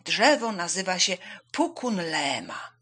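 A woman voicing an eager, forgetful young male hare who talks in a high, hasty, excited way. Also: a little slow.

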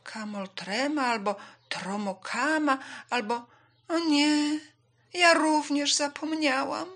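A woman voicing a small female swallow who chirps in a high, breathless, eager way. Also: animated, a little slow, bright, forceful tone, breathy edge, heavily acted. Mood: chirpy.

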